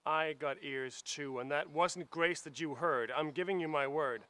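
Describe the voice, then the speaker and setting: An actor playing an earnest young actor, lovesick and insistent. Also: male voice, fairly high pitch, normal speed, sharp tone. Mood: defensive.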